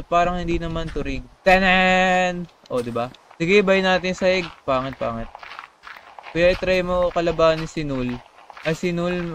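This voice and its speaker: A man's voice: a little high, a little hiss or hum. A young man casually commentating a live game stream, chatting to viewers and reading their messages aloud. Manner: chatty, reads chat aloud, screams when startled. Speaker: gaming streamer.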